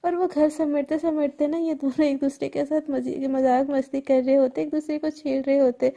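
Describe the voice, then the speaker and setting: A woman's voice: sits high, level tone, normal speed, vocal fry, mellow. A woman narrating a story in a casual, chatty way, full of conversational asides.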